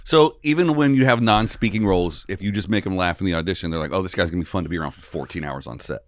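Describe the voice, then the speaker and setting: A man with a low voice hosts a casual comedy interview. He banters in slang and keeps it jokey. The recording is dry, without audible room. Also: fast talker, dry recording. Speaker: podcast host.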